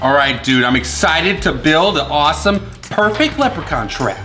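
A man's voice: on the high side, animated, normal speed, pushed and bright, faint music behind. A man in his thirties casually and playfully explaining a craft as the father in a family vlog at home. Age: 30s. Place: home dining room.

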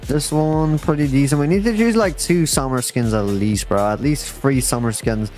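A man's voice: mid-range voice, moderate pace, a little mellow. A man chatting casually and slangily as he hosts a live game stream and comments on players to his audience. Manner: slangy, addressing viewers and players as bro and guys. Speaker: live streamer hosting a game fashion show. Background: music playing behind the voice.

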